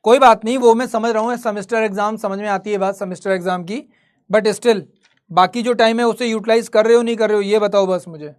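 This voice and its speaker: A man's voice: high-pitched, fairly even intonation, fairly quick. A man leads a history class in Hindi mixed with English, in a chatty teacher's voice. He keeps asking the students questions and then answers them himself, and he keeps the lesson moving at an easy, talkative pace. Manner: conversational, quizzing students and answering his own questions. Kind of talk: live online class lecture.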